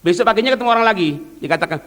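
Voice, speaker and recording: A man's voice: high-pitched, lively intonation, rapid-fire, a bit bright. A man with an East Javanese accent preaching a religious lecture, asking rhetorical questions and answering them himself, moving between formal speech and local talk. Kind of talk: religious lecture mixing stories and teaching. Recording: long hall reverb.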